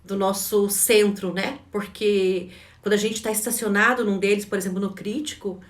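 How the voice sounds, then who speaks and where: A Brazilian woman coaching a live online class, relaxed and chatty, ending nearly every phrase with a questioning tag. She often restarts and repeats words as she thinks aloud. Her voice sits at a middling pitch and sounds roomy, as if the mic is a little way off. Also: normal speed, recorded from a distance. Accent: Brazilian Portuguese. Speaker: behavioral coach.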